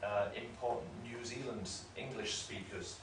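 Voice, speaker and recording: Here a man with a medium-pitched voice gives an academic talk at a moderate pace, wandering through explanations and catching his own slips. A far-off mic in a roomy space records it with slight noise.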